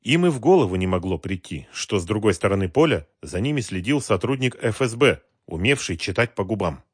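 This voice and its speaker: Brief: male audiobook narrator, measured, expressive pitch, dry studio. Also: breathy edge, dry recording. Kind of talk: scripted narration.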